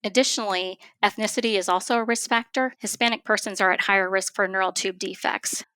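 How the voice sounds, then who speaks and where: A woman appears as an expert physician guest in an interview, explaining in a measured, formal and precise way. Her mid-range voice is steady and sharp in tone, with no echo on the recording.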